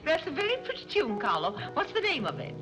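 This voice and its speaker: A woman's voice: sits high, wildly swooping pitch, fast. An actress playing a scatterbrained middle-aged society mother in 1930s screwball comedy banter, rambling and dithering. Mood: flighty curiosity. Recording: old 1930s film soundtrack, music behind.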